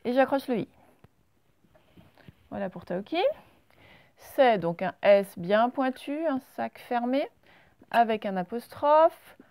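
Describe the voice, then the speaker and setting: At the blackboard in a classroom, a primary school teacher patiently talks her pupils through joined-up handwriting step by step, dictating slowly in this recorded handwriting lesson. Her voice is on the high side, darkish and smooth, with no echo.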